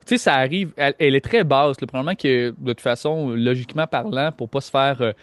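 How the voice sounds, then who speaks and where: A Québécois man runs a tabletop game, describing the scene in a loose, rambling way. He fills his sentences with hesitations and restarts. His mid-pitched voice sits close and dry in the recording. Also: brisk, dry recording. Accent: Québécois French. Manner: rambling, hesitant, full of filler. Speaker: game master.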